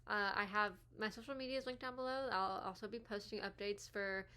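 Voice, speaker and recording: A woman's voice: medium pitch, brisk, smooth. A woman giving casual, slangy reaction commentary as host, her speech slightly off from wearing a retainer. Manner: animated, slangy, frequent "like". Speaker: host of a movie commentary video.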